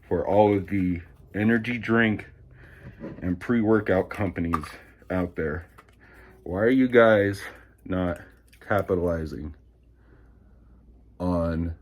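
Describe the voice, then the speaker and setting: A man vlogging a casual show and tell at home, chatty and rambling with a self-deprecating humor. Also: low-pitched. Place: indoors at home.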